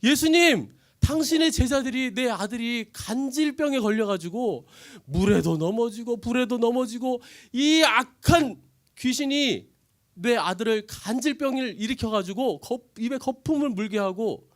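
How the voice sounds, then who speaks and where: A man's voice: expressive, quick pace. A preacher playing a desperate pleading father. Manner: loud, high and begging.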